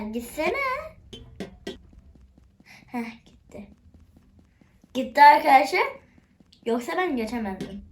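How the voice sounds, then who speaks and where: A woman hosts her channel, commenting on a game with frequent exclamations. Her voice sits high and she talks at a relaxed, unhurried pace. A faint hiss and some clicks sit under the recording. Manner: chatty, exclaims often, talks to viewers. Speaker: gamer, channel host. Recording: faint background noise and clicks.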